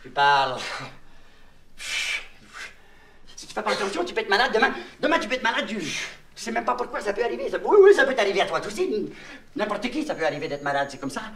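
A man's voice: high-pitched, sing-song, brisk, a bit bright, exaggerated voice. A man with a Québécois accent playing a naive, childlike vagabond clown who rambles and mangles words in a comic monologue. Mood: rambling, confiding. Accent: Québécois French. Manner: mangled words and puns, confiding to the listener. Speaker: comedian. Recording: echoey, distant, noisy old LP recording.

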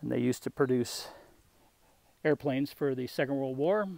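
Off camera, a man shows a buyer a restored classic motorcycle with an easy, unhurried sales patter and dry wit. His middling-pitched voice has a darkish tone and some vocal fry, and the recording is close and dry with little room sound.

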